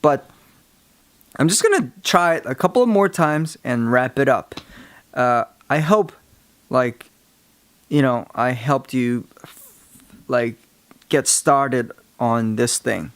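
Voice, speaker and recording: A man giving a casual how-to lesson, explaining things in a halting, rambling way. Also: mid-range voice, animated, no room sound. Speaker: tutorial presenter. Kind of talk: casual instructional talk.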